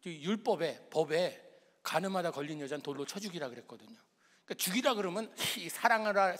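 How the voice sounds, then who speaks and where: A man's voice: fairly high pitch, fairly bright tone. A male pastor giving a sermon in a conversational, humorous way, asking the congregation rhetorical questions. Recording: long reverb of a church hall.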